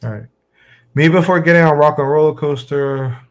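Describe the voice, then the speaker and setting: A man's voice: fairly high pitch, normal speed. A man hosting a casual live stream, chatting with a woman and reading out viewer comments. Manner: relaxed, reads out viewer comments. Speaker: vlog host.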